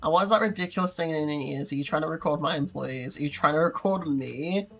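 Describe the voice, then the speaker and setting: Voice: medium pitch, fast talker, gravelly, a bit bright. A streamer voicing a haughty, defensive woman who runs a mine, scolding and dismissive, while reading a game aloud. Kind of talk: voicing a character in a game playthrough.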